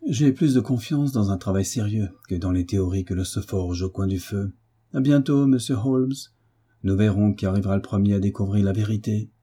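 A man's voice: lowish voice, fairly quick, warm tone, husky. A man voicing an irritable, sneering police inspector in an audiobook reading, with a bitter, insistent manner. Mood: scornful.

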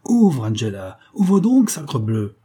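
A man's voice: medium pitch, lively intonation, a little fast, warm tone, slightly rough, voice pushed up. A man voicing an agitated male painter who talks in an urgent, raised, anxious way. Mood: frantic.

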